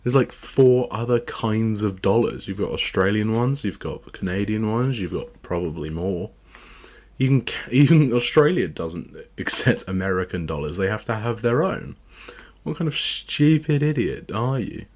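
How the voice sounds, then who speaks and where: A young man with a low, deep voice and a southern English accent delivers sarcastic reaction commentary. He talks in a mocking, exasperated way, scoffing as he goes. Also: lively intonation, normal speed, darkish tone. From England. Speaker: commentary vlogger.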